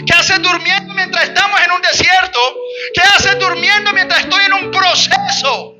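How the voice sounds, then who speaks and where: A man in a sermon acting out frightened disciples who shout and wail in desperation. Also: extremely high pitch, moderate pace. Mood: desperate. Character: panicked frightened disciples crying out in a storm. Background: music.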